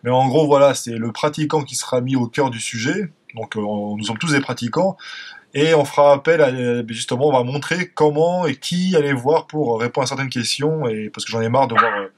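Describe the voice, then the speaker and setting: A man's voice: mid-range voice, a little fast. Frenchman hosting a casual podcast. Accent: French, from France. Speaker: podcast host. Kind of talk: casual fitness podcast chat.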